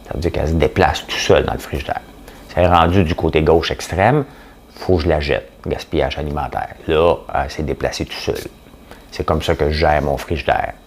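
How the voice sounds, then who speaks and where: A man's voice: extremely low pitch, moderate pace, a little hiss or hum. A man with a Quebec French accent hosting a podcast, talking bluntly in a casual opinion monologue full of jokes and rhetorical questions. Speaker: podcast host.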